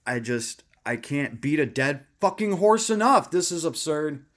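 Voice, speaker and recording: A man's voice: a little high, big pitch swings, a little slow, a bit bright. A man ranting to camera, exasperated and profane, repeating himself. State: angry. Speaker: hobbyist vlogger. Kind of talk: angry rant to camera.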